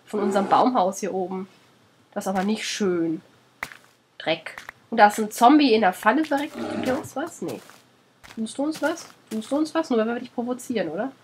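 A woman's voice: on the high side, lively intonation, fairly quick, slight background noise. A woman with a German accent, sick and under the weather, chatting her way through a let's play, scolding the animals in the game and swearing casually.

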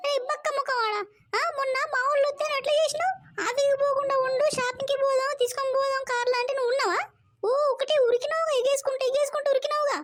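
A woman voicing a sharp-tongued, demanding young wife in a cartoon comedy, scolding her husband in a Telangana Telugu accent. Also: steady tone, slight background noise. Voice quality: shrill, cartoonishly high. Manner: scolding, nagging, rapid-fire taunts.

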